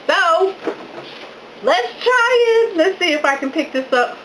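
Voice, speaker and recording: A woman with a high voice talks slowly and unhurriedly, gushing with delight between bites as she tastes her own cooking. She chats through mouthfuls at home, with a faint hiss of background noise in the recording. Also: lively intonation, a bit bright, low-quality recording. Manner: talking with her mouth full while chewing. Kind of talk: casual talk while tasting food.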